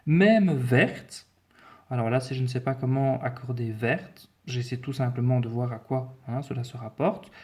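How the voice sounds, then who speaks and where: A man's voice: medium pitch, flat delivery, moderate pace, few pauses, dark tone. Patient, methodical man teaching spelling. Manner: patient, methodical, repeats key points. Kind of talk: spelling lesson explaining a dictation.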